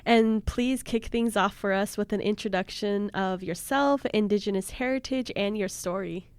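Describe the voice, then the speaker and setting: A woman hosts a radio talk show from the studio, her voice smooth and clear at a mid pitch. She encourages her guest with frequent mm-hmms. The sound is close and dry. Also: moderate pace, no echo. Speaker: radio host. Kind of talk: radio interview.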